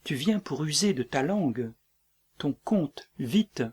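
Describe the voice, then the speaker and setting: A man reading the part of a doomed tyrant king in a dramatic play reading, brooding and breaking into shouts. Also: fairly high pitch, lively intonation, takes it slowly, slightly rough, exaggerated voice. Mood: harsh.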